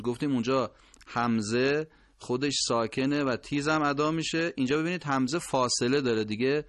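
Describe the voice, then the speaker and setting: A man teaching Quran recitation who explains patiently and corrects mistakes, slowly drawing out each example word. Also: mid-range voice, no echo, studio quality. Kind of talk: instructional explanation with drawn-out pronunciation examples.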